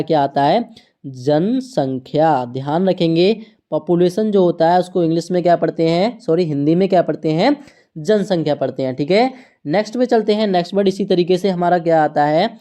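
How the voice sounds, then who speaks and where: Woman, English teacher, spells words letter by letter, slow repetitive drilling, mellow voice. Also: fairly low pitch. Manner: slow, repetitive teaching, frequent checks and questions to students. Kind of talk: online language lesson.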